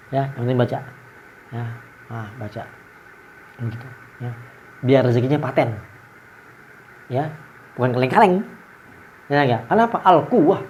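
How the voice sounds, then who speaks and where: A man's voice: mid-range voice, darkish tone, muffled recording, a little hiss or hum. Chatty preacher, man. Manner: chatty, keeps asking "ya nggak?". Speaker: Islamic preacher leading dhikr. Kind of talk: casual sermon with chanted dhikr.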